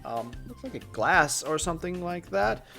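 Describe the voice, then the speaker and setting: A man narrating a tabletop game as game master, describing scenes in an unhurried, halting way. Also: high voice, very animated, vocal fry, pushed and bright, faint music behind.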